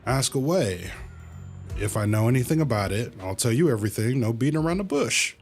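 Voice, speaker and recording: Talking a little fast in an expressive mid-range voice, a man commentates casually on a game livestream, with faint music behind him. He reads the dialogue out in a relaxed, colloquial way, muttering to himself along the way.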